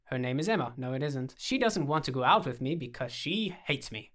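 A man's voice: medium pitch, animated, fairly quick, a bit bright, lightly acted. A man voicing a playful young man who teases and coaxes with theatrical flair. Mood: teasing. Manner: teasing, theatrical, coaxing.

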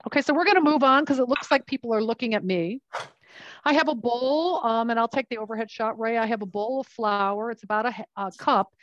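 A woman's voice: on the high side, fairly quick, no room sound, dull audio. A woman teaching a cooking class, chatting and explaining each step while she works with her hands. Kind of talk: live cooking demonstration.

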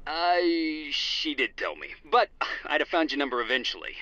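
An actor playing a dry, articulate trial lawyer speaking over a phone call in a video game. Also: male voice, a little high, big pitch swings, moderate pace, sharp tone, no echo. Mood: dry, teasing. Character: dry, composed male trial lawyer, old friend. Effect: phone call filter. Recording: dull, band-limited phone call.

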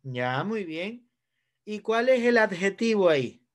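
High-voiced Ecuadorian man teaching a class. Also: big pitch swings, slow. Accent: Ecuadorian Spanish. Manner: explanatory, asks students questions. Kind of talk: online class lesson.

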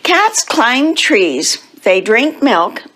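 A bright, high cat schoolteacher from a storybook, as a woman reads her lines, her voice bouncing up and down in a cheery, sing-song way. She is brisk and keeps her class in line. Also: sing-song, slight background noise, heavily acted.

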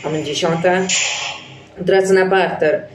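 A man's voice: high voice, fairly even intonation, slow pace, slight background noise. A young man casually commenting on a game he is playing, rambling with many fillers and restarts. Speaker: gaming channel host. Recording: roomy echo, faint game music behind.

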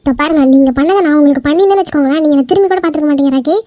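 A woman voicing an angry, hurt young wife in a cartoon skit, scolding with quick indignant retorts. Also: high-pitched, mellow, dry recording, clean studio sound, close to an everyday voice.

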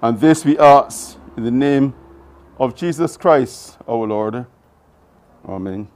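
A man reading burial prayers aloud in a solemn liturgical style, letting phrase ends fall away softly. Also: mid-range voice, takes it slowly. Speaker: officiant.

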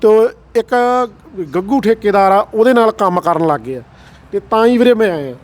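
A man interviewing on the street, asking gentle probing questions and answering with short agreements. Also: sits high, moderate pace. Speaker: reporter interviewing.

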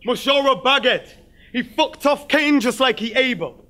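A man's voice: very high voice, a little hiss or hum. A man performing a rhymed rap battle verse at a live venue, firing brash insults. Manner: brash, rhymed insults delivered fast and loud. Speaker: battle rapper.

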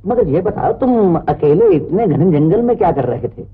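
Warm-hearted joker; chuckling, teasing, tinny vintage film audio. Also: male voice, high-pitched, animated, normal speed, breathy edge. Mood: jovial. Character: cheerful hearty man, jokey and kind. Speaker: jovial rescuer. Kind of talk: 1950s film acting. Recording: tinny old film soundtrack with faint hiss.

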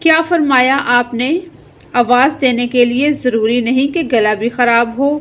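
A woman's voice: on the high side, fairly even intonation, measured pace, fairly bright tone. A woman reading the part of an irritable, sick middle-aged husband who groans and complains.

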